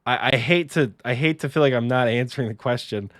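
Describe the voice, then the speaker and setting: A man's voice: mid-range voice, brisk, fairly bright tone, no echo, clean studio sound. A man co-hosting a podcast, telling a casual story with lots of fillers, restarts and self-mocking asides. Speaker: podcast co-host.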